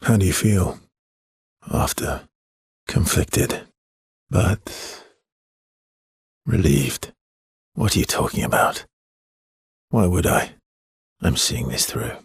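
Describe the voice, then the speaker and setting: A world-weary swordsman on an expedition in a video game speaks in a low, gravelly, heavily husky voice that sounds worn. He is guarded and understated, hesitating and leaving long pauses at a slow pace, yet a dry, teasing fondness shows through in this animated, exaggerated conversational performance. No room sound is audible.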